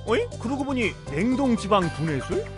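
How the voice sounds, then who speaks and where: A man's voice: very high voice, big pitch swings, a little fast. A man narrating a TV magazine segment in a playful way, exclaiming and reacting with surprise. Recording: over loud background music.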